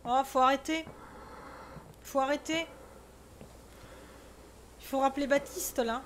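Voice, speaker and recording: A woman's voice: high voice, steady tone, slow pace, slight background noise. A young French woman streaming a horror game, jumpy and swearing, talking to herself as she gets scared. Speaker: gaming streamer. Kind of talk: let's play commentary.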